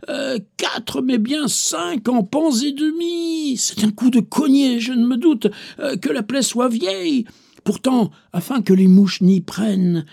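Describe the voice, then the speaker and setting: A man's voice: gravelly, heavily acted. A man voicing a fussy, pious male lion who keeps urging a fox in a coaxing, repetitive way. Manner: coaxing, repetitive, raised pitch with some shouted calls.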